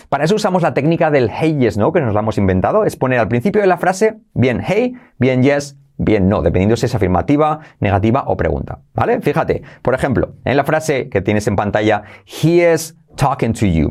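Animated male English teacher. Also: mid-range voice, brisk, hardly any pauses. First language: Spanish. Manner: animated, demonstrates English phrases with exaggerated intonation. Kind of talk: lively online pronunciation lesson.

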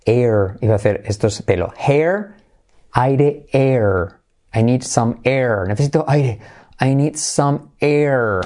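A man teaching English in a relaxed video lesson, Spanish his first language. He drills sounds over and over, stretches words out slowly and breaks into snatches of song to make a point. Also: mid-range voice. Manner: lively, demonstrates sounds by repeating them and humming songs.

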